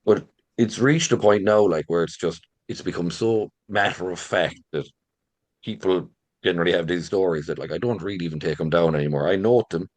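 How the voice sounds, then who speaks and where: A man's voice: low voice, a little fast, a little mellow, no room sound. A middle-aged Irish man telling local folklore informally in an interview, with a lilting, conversational storyteller's manner. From rural Ireland. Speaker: visitor centre manager and local folklore storyteller.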